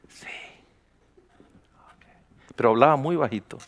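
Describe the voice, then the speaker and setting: With a slightly high voice at a moderate pace, this man preaches conversationally. He tells the story with energy and acts out the lines of dialogue.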